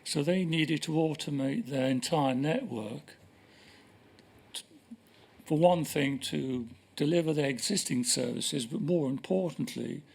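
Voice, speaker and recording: Gravelly older man giving testimony. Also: fairly high pitch, darkish tone. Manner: measured, hesitant, with many pauses. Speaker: witness. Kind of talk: formal testimony. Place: inquiry hearing room.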